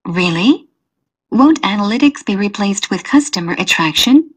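A woman's voice: medium pitch, lively intonation, normal speed, breathy edge. A woman playing a friendly, curious college student in a scripted exam dialogue.

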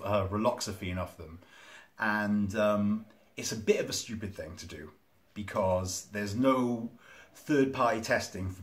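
A man talking casually to camera in a vlog, rambling and candid with plenty of ums. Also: fairly low pitch. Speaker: vlogger.

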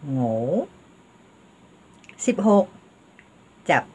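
An older woman teaching a language lesson, patiently leading slow counting drills. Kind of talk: home video language lesson.

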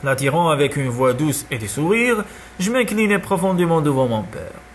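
A man narrating an audiobook in a measured, expressive way. His voice sits a little high for a man and rises and falls freely. Faint noise hums under the reading. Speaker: audiobook reader. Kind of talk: scripted narration.

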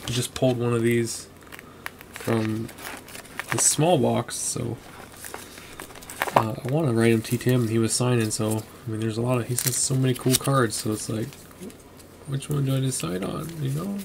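A man's voice: medium pitch, fairly even intonation, normal speed, gravelly, long pauses, background noise. A man casually narrating while he sorts through a box of collectibles at his desk, chatty and muttering as he goes. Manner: chatty, muttering names as he flips through cards. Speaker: card collector vlogger. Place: desk at home, indoors.

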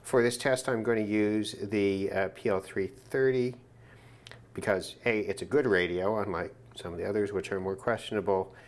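In this radio gear test video, the presenter works at his desk indoors, demonstrating hands-on without a script and reasoning out loud plainly and casually. His voice is lowish and steady, and he keeps a moderate pace.

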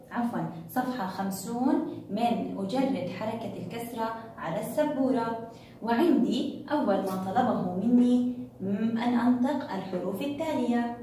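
Echoey teacher drawing out syllables. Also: female voice, a little high, mellow. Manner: slow, drawn-out syllables with frequent praise. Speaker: first-grade teacher. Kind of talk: classroom phonics lesson to young children. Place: classroom with a board. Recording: echoey room, distant mic, faint noise.

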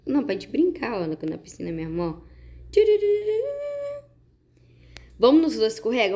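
A woman with a Brazilian Portuguese accent giving chatty, excited gameplay commentary to her viewers. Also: mid-range voice. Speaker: gaming YouTuber.

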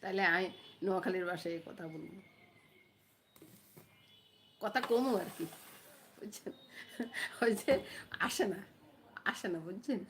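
A woman's voice: mid-range voice, a little slow, pauses often. Middle-aged woman, casual vlog chat, keeps checking viewers follow, phone camera, light background noise. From Noakhali, Bangladesh. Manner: chatty, often asks viewers "understand?". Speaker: vlogger. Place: home.

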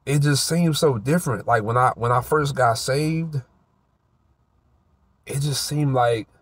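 A teary man tells his faith testimony outdoors in a park. He halts, rambles and hunts for words, his voice a little mushy from crying. The sound is dry and close, and his pitch sits in an ordinary middle range. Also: slightly rough, no echo. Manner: halting, rambling, searching for words. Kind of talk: emotional spoken testimony to camera.

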